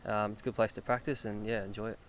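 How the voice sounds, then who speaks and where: A man's voice: fairly low pitch, flat delivery, quick pace, a bit bright, a little hiss or hum. A young adult man with an Australian accent answering questions in a sports interview as an amateur golfer. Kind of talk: post-round sports interview.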